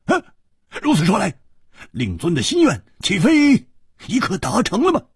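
A man's voice: sits high, huge pitch swings, normal speed, creaky, husky, dry recording, clean studio sound, pitched above the performer's own voice, full character voice. A man voicing a hot-tempered young male swordsman who stammers and blurts out his alarm.

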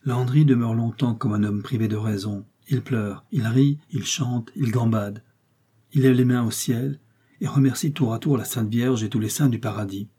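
A man reading a story aloud in a measured, unhurried scripted narration. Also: medium pitch, mellow, breathy edge. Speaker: audiobook reader.

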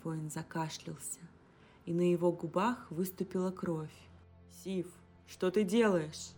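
A woman narrating a fantasy story in a slow, measured storytelling manner. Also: mid-range voice. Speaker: audiobook narrator. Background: instrumental music.

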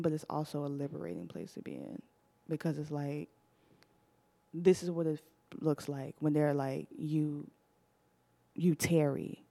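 Brief: young woman host, low voice, animated storyteller who laughs through the story. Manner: animated, laughs often while telling the story. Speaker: podcast host. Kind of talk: casual storytelling to a live audience.

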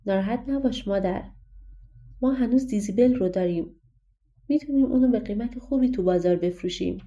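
A woman's voice: medium pitch, mellow, dull audio, close to an everyday voice. Jack, a hopeful young boy, read by a woman. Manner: eager, quick to protest.

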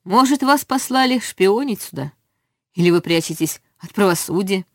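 A woman's voice: mid-range voice, lively intonation, moderate pace, dry recording, studio quality, lightly acted. A woman reading a stern male rector. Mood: demanding. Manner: demanding, interrogating. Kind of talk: audiobook reading.

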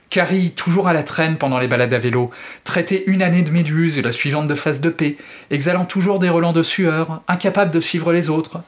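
A male podcast host reading a passage from a novel aloud in a steady, measured way. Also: on the high side.

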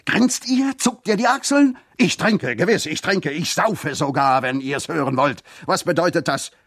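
A man's voice: fairly high pitch, animated, moderate pace, fairly bright tone, slightly rough, no room sound, clean studio sound, pitched above the performer's own voice, exaggerated voice. A man doing a shrieking, raging drunk. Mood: raving preacher. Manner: shrieking, ranting, cursing. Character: raging drunken man screaming curses in the street. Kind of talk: dramatized reading.

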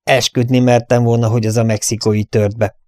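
A man's voice: medium pitch, flat delivery, darkish tone, no echo, clean studio sound, pitched above the performer's own voice, close to an everyday voice. A man voicing a skeptical older ranch partner in an audiobook, with a doubtful, questioning delivery. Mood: astonished. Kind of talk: audiobook character voice.

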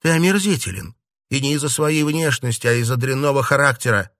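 A man voicing a bold, sharp-tongued teenage girl who talks back defiantly. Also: medium pitch, fairly quick, no echo, clean studio sound, voice pushed up, lightly acted. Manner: defiant and cutting.

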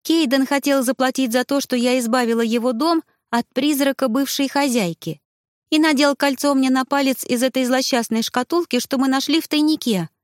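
A woman's voice: high voice, normal speed, no room sound, clean studio sound, voice pushed up, close to an everyday voice. A woman voicing a prickly young woman medium in a storybook, protesting in a raised voice. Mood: flustered protest. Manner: indignant, insistent protests.

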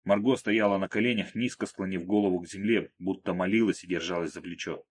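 A man's voice: sits low, steady tone, a little fast. A man narrating an audiobook in the first person. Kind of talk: audiobook reading.

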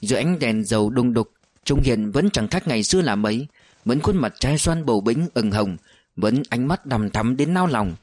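A man's voice: mid-range voice, normal speed, no room sound. Man narrating a novel, dry close sound. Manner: steady storytelling. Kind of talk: audiobook narration.

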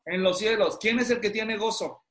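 A man with a high-sitting, slightly bright voice teaches theology to pastors in an interactive online class over a video call, speaking at a moderate pace in a roomy, echoing space. He constantly quizzes his students, drawing answers out of them with questions.

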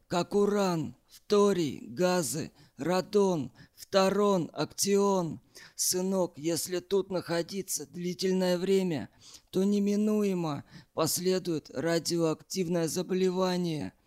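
A man voicing a gruff, weary old tunnel boss who barks orders and lectures. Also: high voice, slow, darkish tone, pitched above the performer's own voice.

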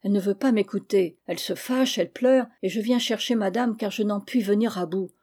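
A woman's voice: medium pitch, fairly quick, mellow, slightly rough, close to an everyday voice. A woman reading a put-upon nursemaid. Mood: exasperated. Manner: deferential and exasperated. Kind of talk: audiobook reading of a classic novel.

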